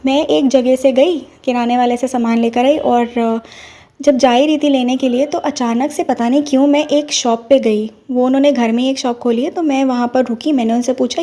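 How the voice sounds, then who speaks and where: A young woman with a high, dark-toned voice shares a personal devotional experience. Her testimony is earnest and told in a casual, storytelling style.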